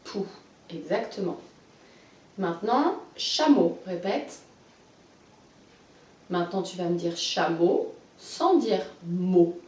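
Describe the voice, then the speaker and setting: A woman teaches a young child phonics, stressing each syllable slowly and clearly and cheering the child on. Her voice sounds far from the mic in a roomy space. The recording is dull and muffled. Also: fairly low pitch, animated, a little mellow. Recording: roomy, distant, muffled home video.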